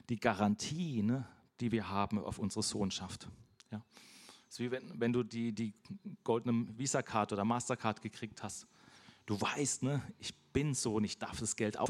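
A man preaching an informal sermon, chatty and direct, with everyday examples and frequent "ne?" tags. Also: medium pitch.

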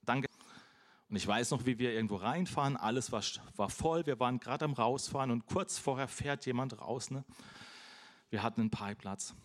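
A man's voice: mid-range voice, a little fast. A man preaching an informal sermon, chatty and direct, with everyday examples and frequent "ne?" tags.

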